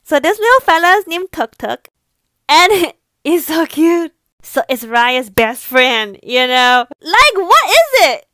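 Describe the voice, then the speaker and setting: A woman's voice: sits high, lively intonation, slow, pushed and bright, no room sound. A woman chatting casually to the camera in a gushing way, full of fillers. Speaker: comedy content creator.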